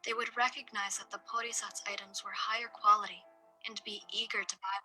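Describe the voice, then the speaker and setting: A woman reading a folk tale aloud at a steady, measured pace. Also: mid-range voice, faint music behind, low-quality recording. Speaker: storyteller.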